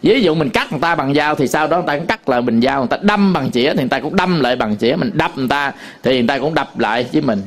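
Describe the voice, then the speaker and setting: A man's voice: on the high side, lively intonation, rapid-fire, few pauses. A man with a Southern Vietnamese accent, a Buddhist monk giving a dharma talk to an audience, telling stories with many fillers and repetitions.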